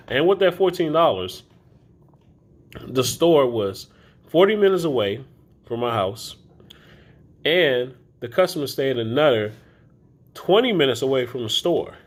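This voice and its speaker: A grocery delivery shopper vlogger talks casually to camera in a phone video, rambling loosely with plenty of fillers. His mid-range voice has lively intonation, and he keeps a measured pace with frequent pauses.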